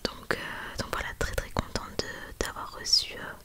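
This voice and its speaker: A young adult woman speaking in a hushed, library-quiet whisper, presenting items in a soft ASMR style. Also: unhurried. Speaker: ASMR video creator.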